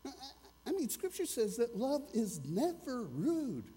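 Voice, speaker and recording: A man's voice: very high-pitched, sing-song, a little slow, dark tone, husky, big-room sound. A man preaching a sermon as a pastor, earnest and conversational, asking his listeners questions as he goes.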